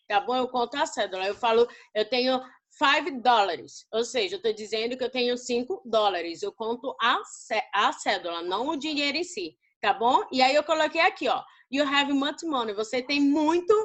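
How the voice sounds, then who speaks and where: High-voiced Brazilian woman teaching. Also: expressive, normal speed, fairly bright tone. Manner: explanatory, checks understanding often. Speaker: English teacher. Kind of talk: recorded class lesson.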